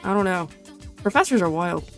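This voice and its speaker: A young woman rambling casually through gaming commentary, chatty and full of tangents, enunciating clearly. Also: fairly low pitch, animated, a little fast, soft background music. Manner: chatty, tangent-prone, self-deprecating. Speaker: gaming streamer.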